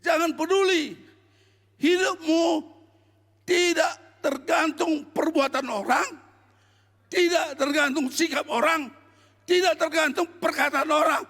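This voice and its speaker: An older man preaching a sermon as pastor, emphatic and exhorting, often shouting his points. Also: extremely high pitch, steady tone, slow, pauses often. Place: church hall. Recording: long reverb of a hall.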